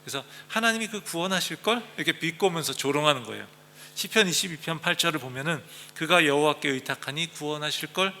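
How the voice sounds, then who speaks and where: A man's voice: on the high side, fast, bright, forceful tone, in a large hall, a little hiss or hum. A man preaching a sermon as a pastor, earnestly reading scripture aloud and explaining it. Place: church.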